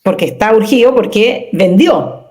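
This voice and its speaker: A woman speaking as a communication consultant in an interview, expressive and emphatic, often asking rhetorical questions. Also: mid-range voice, normal speed. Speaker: communication consultant and workshop leader. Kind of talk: interview conversation.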